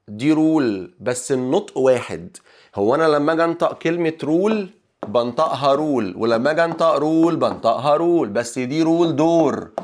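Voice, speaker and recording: A man with an Egyptian accent teaching an English lesson online, talking in an animated way and acting out his students' questions. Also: medium pitch. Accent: Egyptian Arabic.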